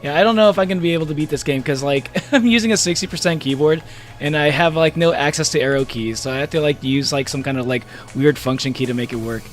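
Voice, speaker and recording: Over soft background music, this man speaks quickly in a fairly high voice. He's streaming a game and loosely chatting with his audience, full of fillers, false starts, and frequent laughter.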